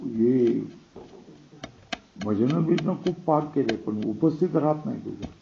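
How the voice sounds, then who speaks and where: A man giving a scripture lecture, explaining slowly, quoting verses and asking his listeners to confirm. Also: medium pitch, expressive, creaky, muffled recording, background noise. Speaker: teacher of scripture.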